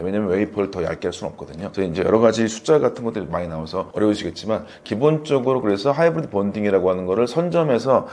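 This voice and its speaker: A man's voice: lowish voice, a little mellow. A middle-aged man, a former chip researcher, explaining technical points as a guest expert, lecturing with fillers and self-corrections. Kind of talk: explanatory interview talk.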